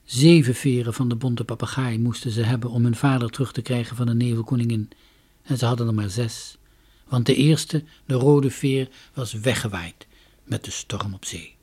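Breathy, expressive male storyteller. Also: medium pitch, moderate pace. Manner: expressive storytelling, soft whispered passages. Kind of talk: reading a children's story aloud.

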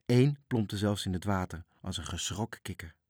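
A man's voice: sits low, moderate pace, a little mellow, husky, dry recording, clean studio sound. A man reading a children's story aloud, expressively, voicing the characters. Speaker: narrator.

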